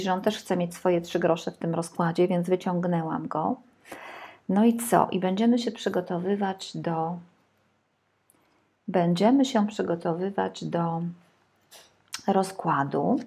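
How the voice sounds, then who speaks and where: A woman's voice: on the low side, gravelly, darkish tone, breathy edge. A woman reading tarot for her viewers in a chatty, casual way, sometimes dropping to a whisper while she lays out the cards. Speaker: tarot reader.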